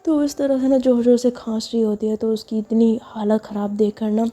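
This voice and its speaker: A woman's voice: fairly high pitch, warm tone, a little hiss or hum. A woman telling a love story in a chatty, casual way, with many fillers. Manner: chatty, repetitive narration with fillers. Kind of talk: casual spoken narration.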